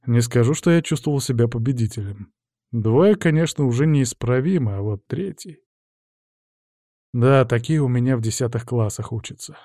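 A man reading an audiobook aloud in a steady, wry storytelling manner. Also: mid-range voice, normal speed, no room sound, clean studio sound. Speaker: audiobook narrator. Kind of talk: audiobook narration.

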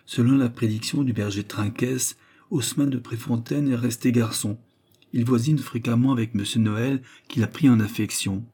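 A man narrating a classic novel in a steady, measured reading. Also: medium pitch, husky. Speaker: audiobook narrator.

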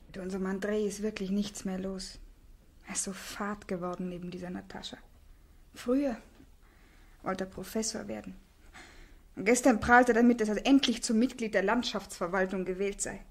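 A woman's voice: medium pitch, steady tone, moderate pace, lightly acted. An actress playing a tearful, despairing young woman of twenty-four in a 1960s radio drama, often whispering. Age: 20s.

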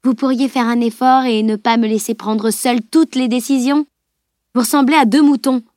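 A woman reading the voice of a spirited, bossy teenage girl in an audiobook, brisk and commanding. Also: fairly high pitch, fairly even intonation, darkish tone, no room sound, studio quality, pitched above the performer's own voice, close to an everyday voice.

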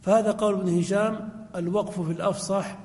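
High-voiced sheikh teaching in a mosque hall. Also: male voice, fairly even intonation, darkish tone. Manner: measured, slows to chant quoted text and verse. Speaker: sheikh teaching Arabic grammar. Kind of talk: classical grammar lesson, reading and explaining a text. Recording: long hall reverb.

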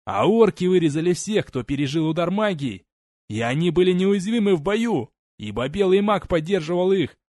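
Man doing a condemned guard captain, yelling, high strained voice, dry close sound. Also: expressive, normal speed, no echo. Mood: defiant. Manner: desperate shouting.

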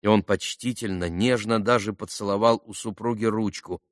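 A man narrating an audiobook in a measured, even reading. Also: lowish voice, dry recording, studio quality. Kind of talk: scripted narration.

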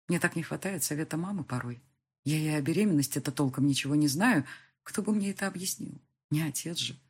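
Breathy female narrator for a reflective first-person audiobook. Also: deep voice. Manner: intimate, reflective storytelling.

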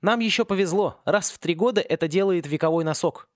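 A pompous young wizard student who speaks grandly and loves his own cleverness, as a man reading an audiobook puts him on. His voice is pitched well up. The recording is close and dry. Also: a little fast, dry recording, natural voice. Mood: smug. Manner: grand, self-satisfied.

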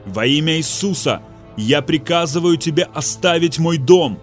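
A man voicing a terrified man who firmly and loudly commands an unseen presence in prayer. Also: fairly high pitch, expressive, normal speed, faint music behind, voice pushed up, lightly acted. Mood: commanding. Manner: firm, loud, declaring.

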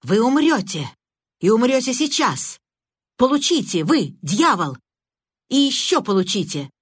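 A frantic young man, hysterical and raving, hurling accusations in a higher, louder voice, as a woman reads him in a storybook. The sound is close and dry. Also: normal speed, dry recording. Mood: raging, frantic.

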